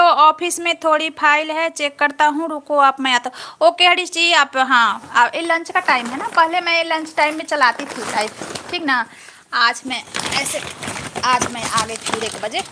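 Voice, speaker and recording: A woman's voice: high-pitched, very noisy. A woman hosting a casual live stream from home on a phone camera, chatting and thanking viewers one by one.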